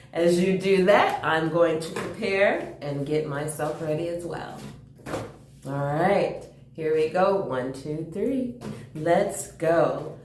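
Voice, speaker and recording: Reading a story aloud to children, a woman keeps up enthusiastic, question-filled chat between passages. Her low-leaning voice is sing-song and very slow, with long pauses. The sound is roomy and echoey, with slight background noise.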